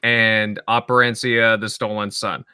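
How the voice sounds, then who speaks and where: Male podcast host, bright voice, relaxed conversational lead, dry close sound. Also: on the low side, measured pace, clear, resonant tone, dry recording. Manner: relaxed, conversational, leads the talk. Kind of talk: casual podcast chat.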